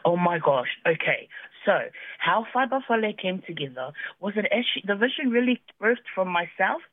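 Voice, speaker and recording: A man's voice: high-pitched, expressive, normal speed, no echo. Upbeat New man on a phone-thin line. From New Zealand. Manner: upbeat, laughs often, proud of his roots. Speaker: guest, tech co-founder. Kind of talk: radio interview. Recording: narrow phone-like radio sound, dry.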